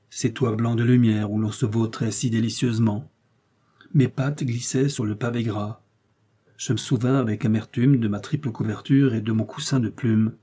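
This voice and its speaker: A man reading a short story aloud as narrator, in a measured storytelling manner. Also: mid-range voice, warm tone, breathy edge. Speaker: audiobook reader. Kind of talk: scripted narration.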